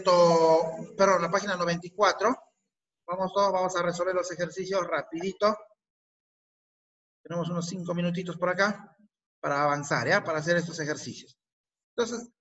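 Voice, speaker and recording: In an online chemistry lesson, a man with a Peruvian Spanish accent quizzes his students and repeats back what they answer. His voice sits high, with a bright, forceful tone, though the audio quality is poor.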